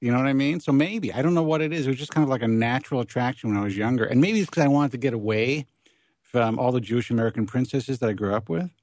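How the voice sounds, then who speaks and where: Podcast host guy w/ new york accent, thinks out loud, pretty candid, middle pitch, dry sound. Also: fast talker, no echo. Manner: candid, reflective, musing aloud. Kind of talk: casual chat.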